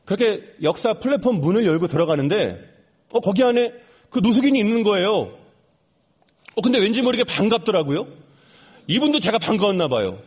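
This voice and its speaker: A young man giving an earnest sermon testimony, repeating lines for emphasis and dropping soft at sad moments. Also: sits high, animated, brisk, husky.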